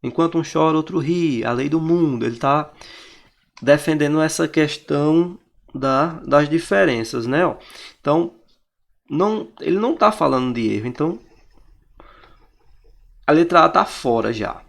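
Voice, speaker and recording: A Brazilian man teaching a class, talking through exam answers step by step. His voice sits a little high for a man and has a gravelly, creaky edge, and he keeps pointing things out as he goes. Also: lively intonation, normal speed, pauses often. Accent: Brazilian Portuguese.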